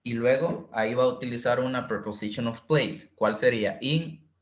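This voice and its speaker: A man teaching an online English class, repeating words slowly and quizzing his students. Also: mid-range voice, echoey room. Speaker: English tutor.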